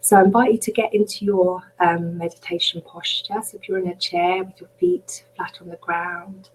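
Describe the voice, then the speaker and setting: A woman teaching mindfulness in a live webinar, speaking gently and reassuringly as she leads a guided meditation. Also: lowish voice, fairly even intonation, normal speed, slight background noise, poor audio. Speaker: mindfulness coach. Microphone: webcam or computer mic on a video call.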